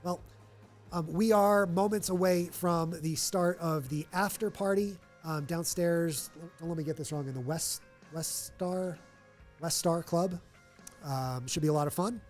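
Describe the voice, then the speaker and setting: Filling time on a live charity stream, this livestream host chats in an upbeat way from a stadium event room. His nasal voice runs on the high side and he speaks unhurriedly, with faint music in the background.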